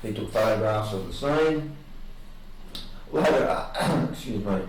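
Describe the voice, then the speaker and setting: Australian male police interviewer, halting and plain-spoken, recorded from a distance with faint noise. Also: lowish voice, animated, heavy reverb. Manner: halting, informal, loses his place. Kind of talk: formal but halting questioning. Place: indoor interview room.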